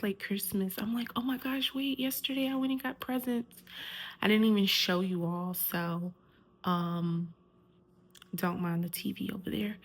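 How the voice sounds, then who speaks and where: A young woman chatting casually to viewers in a vlog, filmed on a phone. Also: mid-range voice. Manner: chatty, addresses viewers as y'all. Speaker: vlogger.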